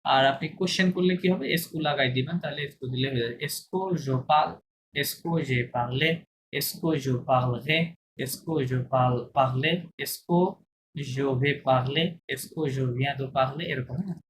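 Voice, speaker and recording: Male tutor on a video call, even mid pitch, patient teaching manner, noisy line. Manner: asks many checking questions, repeats examples slowly. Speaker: language teacher. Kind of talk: online class explanation. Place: online video class. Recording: video call with clear background noise.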